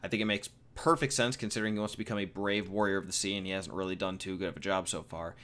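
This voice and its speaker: He's 21 and from the United States, and his low-pitched, slightly bright voice stays steady while he talks fast. Answering viewer questions in a casual Q&A vlog, he jokes, rambles, uses fillers and repeats himself.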